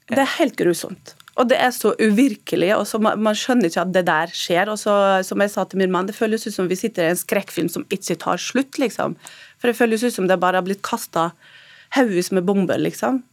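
A woman from Turkey, a mother of school-age children, speaking as a guest in a radio interview, halting and emotional with many fillers. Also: mid-range voice, dry recording.

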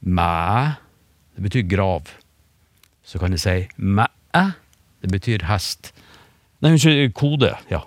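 Male radio panel expert, low voice, dry studio mic; patient explainer with lots of hesitations. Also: no echo. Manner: patient, explanatory, with many fillers and restarts. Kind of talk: explaining on a radio talk show.

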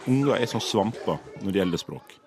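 A man's voice: on the low side, expressive, heavy background noise. A man who leads a language organisation gives interview answers in an earnest, explanatory way, with restarts and fillers.

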